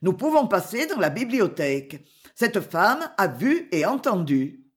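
A reader voicing a proud, scornful young man in an audiobook, speaking gravely and with dignity. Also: medium pitch, very animated, unhurried. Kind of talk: audiobook character voice.

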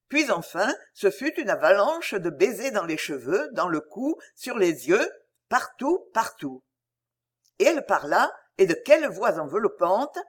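A woman narrating a novel aloud as an audiobook, with expressive storytelling. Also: medium pitch, slightly rough.

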